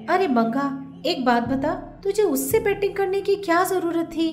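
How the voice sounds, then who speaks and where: A woman's voice: very high voice, lively intonation, moderate pace, voice pushed up. A woman voicing a chatty, teasing young friend in a cartoon story. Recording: roomy echo, faint music.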